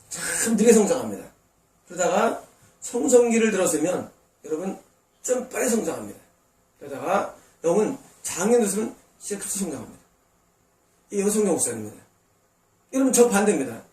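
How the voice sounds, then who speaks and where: Male pastor, high voice, sermon with rhetorical questions, distant mic in an echoey sanctuary. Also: a little mellow. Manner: preaching with rhetorical questions to the congregation. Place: church sanctuary.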